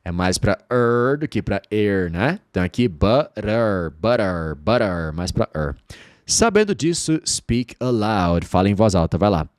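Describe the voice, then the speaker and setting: A Brazilian man teaching English online, drilling phrases slowly word by word with animated emphasis. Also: lowish voice, dry recording, studio quality. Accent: Brazilian Portuguese.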